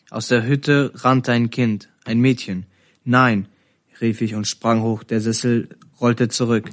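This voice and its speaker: A man reading a novel aloud in a measured, steady way. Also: lowish voice. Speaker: reader.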